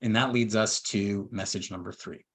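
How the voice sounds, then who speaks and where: A man's voice: lowish voice, steady tone, normal speed, fairly bright tone, husky. Earnest man telling a personal story. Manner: earnest, heartfelt storytelling with fillers and restarts. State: emotional at times. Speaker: estate planning attorney. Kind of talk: personal story in a webinar talk.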